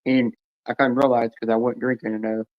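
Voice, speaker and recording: A man's voice: medium pitch, level tone, a little fast. A man chatting casually on a stream, rambling through long stories. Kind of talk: casual chat. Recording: dull lo-fi stream audio.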